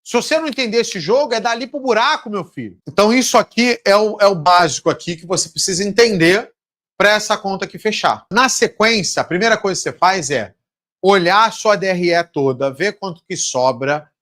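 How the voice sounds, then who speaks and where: Blunt high-voiced Brazilian coach. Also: male voice, animated, a little fast, a bit bright. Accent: Brazilian Portuguese. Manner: blunt, swears, acts out dialogues. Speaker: business coach for supermarket owners. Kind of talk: live seminar teaching.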